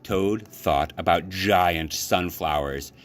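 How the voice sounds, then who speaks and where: A man reads a children's storybook aloud as a library storyteller would, with expressive, deliberate phrasing. His voice sits low.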